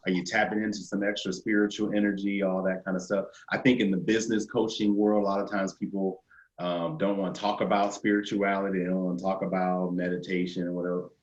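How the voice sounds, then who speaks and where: A man's voice: deep voice, level tone, fast. A male host interviewing a guest over a video call, asking long meandering questions. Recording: roomy, muffled video-call audio.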